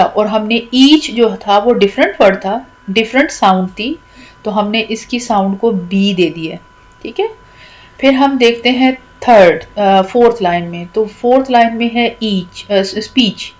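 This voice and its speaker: A woman who grew up speaking teaches a lesson patiently and step by step. She repeats words and draws them out slowly as she points each one out. Her voice sits at an ordinary middle pitch. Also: darkish tone, rough recording. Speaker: English literature teacher. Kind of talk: classroom-style lesson explaining a rhyme scheme.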